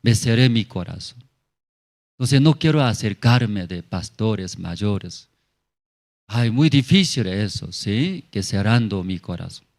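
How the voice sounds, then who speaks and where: A man's voice: on the low side, animated, slow, darkish tone. A male pastor giving a sermon testimony in simple, broken phrasing, often checking in with tag questions. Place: church in La Paz.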